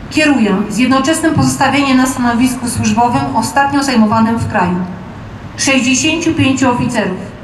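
A woman's voice: fairly high pitch, far from the mic. A woman reading out official military orders in a formal announcer's style. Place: outdoors on a town square. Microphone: boom microphone at lectern. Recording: echoey outdoor PA, faint noise.

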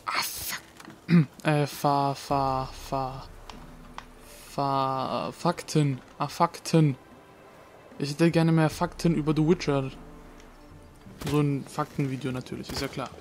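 A man's voice: mid-range voice, steady tone, slow, long pauses, slight background noise. A young man casually commenting on his gameplay, swearing and mocking himself while talking to the game. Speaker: let's play gamer. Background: game music.

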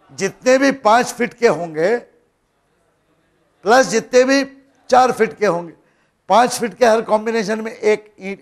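A man's voice: high-pitched, vocal fry. A middle-aged man giving a classroom lecture, explaining patiently step by step, asking rhetorical questions and mixing in English terms. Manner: mixes in English phrases and terms.

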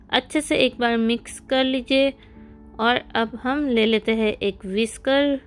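A woman hosts a cooking video and narrates each recipe step in a friendly, guiding voice-over. Her voice sits fairly high. Faint background music plays under her. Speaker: cooking channel host.

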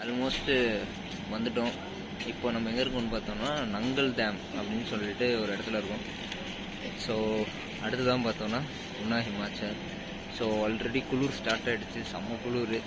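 A man's voice: medium pitch, little pitch movement, normal speed, pauses often. A man filming a casual travel vlog on a train and chatting as he goes, with many fillers as he thinks aloud. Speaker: travel vlogger. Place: on a moving train. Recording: loud train noise. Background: loud train and air-conditioning noise.

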